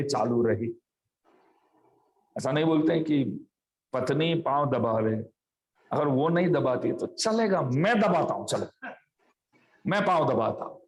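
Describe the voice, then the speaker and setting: A man giving a devotional discourse, telling a family story and acting out the characters' lines. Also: a little high. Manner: acts out family members' quoted lines in a story. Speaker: spiritual speaker.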